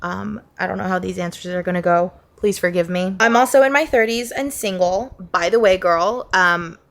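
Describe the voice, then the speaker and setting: A woman's voice: lowish voice, moderate pace, vocal fry. A woman of thirty answering viewer questions in a casual vlog, talking candidly and filling her sentences with "like". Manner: candid, chatty, fills with "like".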